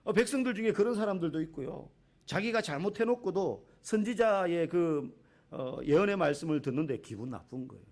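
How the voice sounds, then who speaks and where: A man's voice: a little high, animated, a little fast, a little mellow. A man preaching a sermon as a pastor in a church, talking in a conversational way, asking the congregation questions and acting out quotes.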